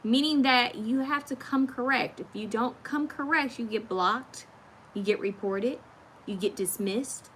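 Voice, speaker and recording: A woman's voice: fairly high pitch, unhurried, fairly bright tone, slight background noise. A woman in her thirties chatting casually on a livestream, reading viewer comments aloud and drawing oracle card messages, often restarting her sentences. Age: 30s.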